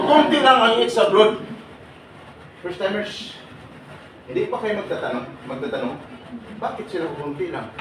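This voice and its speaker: A man with a high voice leads a seminar for workers heading abroad, talking fast and cracking jokes with frequent laughs. He is picked up from a distance in a strongly echoing hall. Heavy noise fills the room behind him. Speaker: seminar speaker for departing workers. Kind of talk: lively seminar talk to a crowd. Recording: echoey noisy hall from far off. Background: loud room noise.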